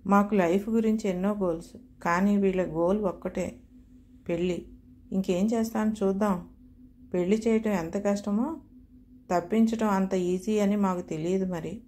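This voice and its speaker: Wry, mellow woman storyteller. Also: mid-range voice, fairly even intonation, moderate pace, long pauses, slight background noise. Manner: wry, chatty, self-mocking. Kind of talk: first-person comic story reading.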